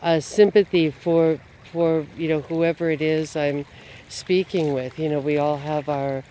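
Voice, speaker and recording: A man's voice: a little high, little pitch movement, unhurried, warm tone, a little hiss or hum. A man vlogging outdoors by a river, talking in a meandering way full of "you know" and "um". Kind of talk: rambling outdoor monologue.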